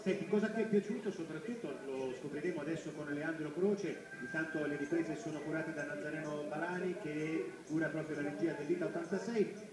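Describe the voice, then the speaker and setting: Male live race commentator, slightly high voice, outdoor broadcast with clear crowd noise. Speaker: sports commentator and interviewer. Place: outdoor commentary table at a sports field. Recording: very echoey, distant, crowd noise, filmed off television.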